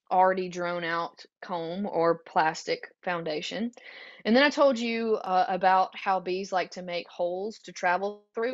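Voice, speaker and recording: A woman's voice: fairly low pitch, highs cut off. A woman with a Southern US accent giving a conversational webinar presentation, earnest and loose, with frequent ums and restarts. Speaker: beekeeping workshop presenter.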